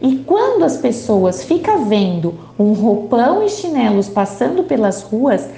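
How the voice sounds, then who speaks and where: A woman's voice: fairly high pitch, big pitch swings, unhurried, gravelly, mellow, roomy sound, exaggerated voice. A woman reading aloud as a young boy who tells his dream in broken, childlike grammar. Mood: dreamy.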